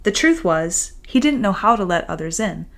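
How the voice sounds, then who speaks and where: A children's author reads her own storybook aloud in a lowish, expressive voice with a fairly bright tone at normal speed. Between passages she talks in a friendly way to young listeners.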